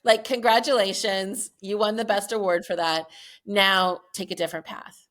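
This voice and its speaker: A woman hosting an interview in casual chat, agreeable and chatty, with quick asides. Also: mid-range voice, fairly even intonation, a bit bright. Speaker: podcast host.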